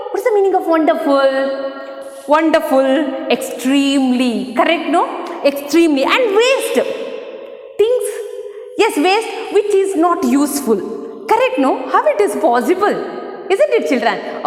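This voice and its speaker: A woman teacher talks slowly and sings up and down in a high voice as she goes through a children's lesson. She spells words out letter by letter and answers her own questions. Her voice rings with a long, roomy reverb. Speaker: schoolteacher. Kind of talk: reading and explaining a textbook lesson to children. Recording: echoey room with long reverb.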